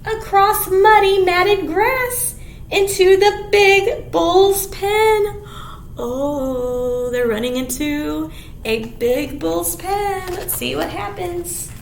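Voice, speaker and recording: Drawing out her words, a woman with a very high, sing-song voice animatedly reads picture books and rhymes to young children at a library. Her exaggerated style includes dramatic gasps and easy explanations for the kids, captured with a roomy echo and clear background noise.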